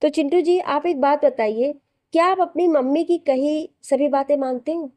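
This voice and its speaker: A woman voicing a kind young wife who speaks softly and affectionately. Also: sits high, normal speed, no room sound, natural voice. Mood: gentle coaxing. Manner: soft, affectionate coaxing. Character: gentle young wife, kind and soft-spoken.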